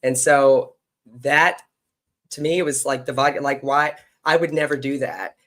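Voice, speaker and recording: A man's voice: medium pitch, fairly even intonation, measured pace, fairly bright tone. A man hosting a casual podcast conversation, chatty, blunt and teasing with his guest. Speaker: podcast host.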